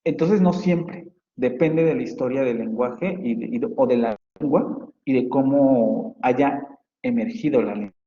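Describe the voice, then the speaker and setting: A man's voice: mid-range voice, unhurried, warm tone. Man, university professor, conversational lecture, dull lo-fi sound, echoey hall. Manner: conversational, thinking aloud with many "eh" fillers and restarts. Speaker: phonetics professor. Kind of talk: university lecture, explaining with examples. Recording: dull, roomy, reverberant lo-fi audio.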